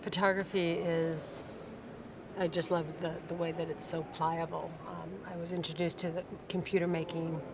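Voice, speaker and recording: Low, flat-voiced woman, halting speech. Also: vocal fry. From Seattle, United States. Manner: halting, many ums and restarts. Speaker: panel artist. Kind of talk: unscripted panel remarks. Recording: audible background noise.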